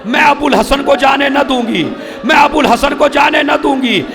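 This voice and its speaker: A man's voice: extremely high pitch, gravelly. A male preacher voicing a grieving, defiant young holy woman within his sermon, pleading and firm.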